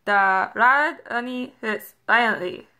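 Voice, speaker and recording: A woman's voice: a little high, slow, sharp tone. A young woman speaking a phrase through lips held stretched open by a mouth retractor, so the words come out slurred and lisping. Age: young adult. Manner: lips stretched by a mouth retractor, muffled lisping speech without lip closure. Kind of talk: demonstrating a party game phrase. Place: carpeted living room at home.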